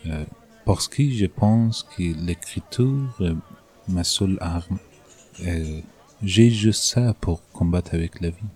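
A young man speaking haltingly about his life, with many restarts and fillers. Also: deep voice, darkish tone, breathy edge. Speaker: interviewee. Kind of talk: casual personal talk in halting French.

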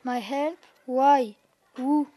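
A woman's voice: sits high, very slow, mellow, no room sound, heavily acted. A schoolgirl playing an eager pupil on a zoo trip in a school play.

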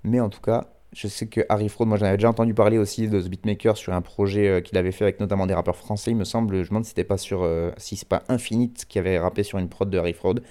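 A man with a fairly low, warm, mellow voice presents the last track of a rap radio show. He talks in a relaxed, unpolished way, laughing at his own pronunciation and filling gaps with hesitations. He then reads a review aloud in the same easygoing tone. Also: fast, hardly any pauses. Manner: relaxed, self-deprecating, hesitant with frequent fillers. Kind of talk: casual spoken presentation, reading a review aloud.

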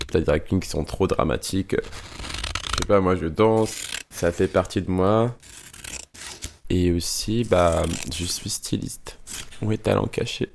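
A man's voice: low voice, vocal fry, darkish tone, a little hiss or hum. A man in his twenties from Morocco, a drag queen, talking casually about his life with many fillers and restarts. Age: 20s. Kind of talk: personal interview monologue.

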